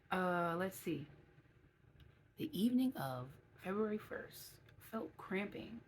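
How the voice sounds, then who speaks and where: A woman's voice: mid-range voice, sing-song, takes it slowly, long pauses, slight background noise. A woman in her late thirties giving a casual vlog update, chatty and reading from her own notes with asides. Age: 30s. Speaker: vlogger.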